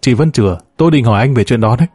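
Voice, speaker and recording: Man, story narration, even and calm, warm dark timbre, dry recording. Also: mid-range voice, racing, slightly rough, no echo, faint music behind. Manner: calm, even storytelling, quoting every character in the same voice. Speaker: audiobook narrator. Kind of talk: first-person story narration.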